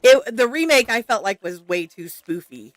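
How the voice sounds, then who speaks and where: A woman's voice: fairly high pitch, animated, moderate pace, no room sound. Giggly chatty woman streamer. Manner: chatty and giggly, answering viewers. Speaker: gaming streamer. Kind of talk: casual chat while playing a game.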